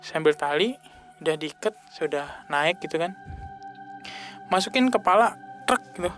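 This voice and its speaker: A young man giving an earnest, halting personal testimony as a podcast guest. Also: animated, a bit bright, soft background music. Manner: earnest, halting, pitch rising when emotional.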